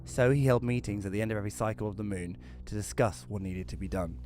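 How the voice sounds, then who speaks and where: A man plays Rory, a casual, wry first-person storyteller who befriends a ghost in a scripted audio drama. He talks fast in a fairly low voice that's close to an everyday one, sounding matter-of-fact, with music in the background.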